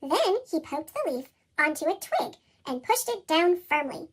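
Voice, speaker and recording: Reading a storybook aloud in an unhurried way, this female narrator sounds very lively and expressive. A chipmunk effect pushes her voice to an extremely high pitch.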